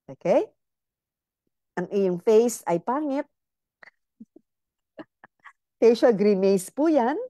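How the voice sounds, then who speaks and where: A woman's voice: on the low side, dark tone, no room sound, studio quality. A middle-aged woman doctor giving a casual, playful health lecture, teasing her listeners and speaking to them directly.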